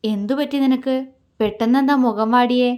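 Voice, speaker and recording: A man's voice: very high-pitched, steady tone, normal speed, smooth. A woman reading as a teasing young husband. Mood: concerned. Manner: teasing, soft-spoken. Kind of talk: romantic story reading.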